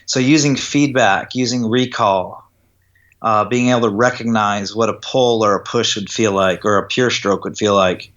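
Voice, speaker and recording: Speaking at normal speed, the man has a lowish, fairly bright voice as he describes how he teaches putting in an interview. He regularly asks "does that make sense" to make sure he's being followed. The recording sounds dull.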